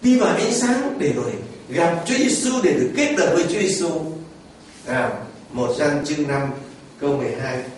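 Man, priest, lively colloquial homily, wide-swinging voice, faint background noise. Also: on the high side, normal speed. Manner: animated, rhetorical questions, colloquial asides. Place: church. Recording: echoey hall from far off, faint noise.

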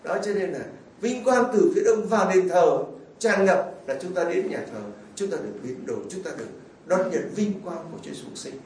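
The priest's high-sitting voice is expressive, brisk and darkish as he preaches a folksy, story-filled homily peppered with rhetorical questions. Recorded from far away in an echoey church, the audio has a little hiss or hum.

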